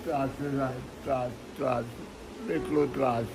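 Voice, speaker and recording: An older man from Gujarat, India, who has just come to an old age home, giving short, weary, halting answers. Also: mid-range voice, level tone, noisy background. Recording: music playing behind.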